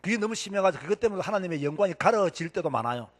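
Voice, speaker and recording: A male pastor preaching with fire and a hot temper, his voice husky and set high. He swings widely in pitch, drives each point home by repeating it, and keeps throwing questions out to the congregation. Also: expressive, rapid-fire. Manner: emphatic, repeats lines for stress, asks the crowd questions; self-described hot-tempered and impatient. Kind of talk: fiery sermon to church officers.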